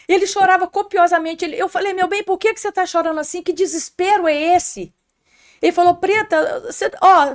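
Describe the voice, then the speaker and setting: Uma mulher com sotaque brasileiro, convidada de um podcast, contando um testemunho de fé com emoção e chamando o apresentador pelo nome. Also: female voice, high voice. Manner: emotional storytelling, often addressing the host by name. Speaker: podcast guest. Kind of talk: faith testimony in an interview.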